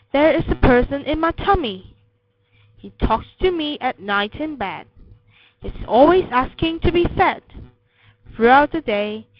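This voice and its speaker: A woman voicing a young greedy boy who insistently pleads with his mother. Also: high-pitched. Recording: slightly dull lo-fi recording.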